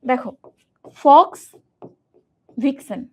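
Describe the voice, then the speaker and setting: A young woman with a notably high voice teaches an exam-prep grammar lesson. She talks in a lively way, asks her students questions and repeats words over and over as drills. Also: slow.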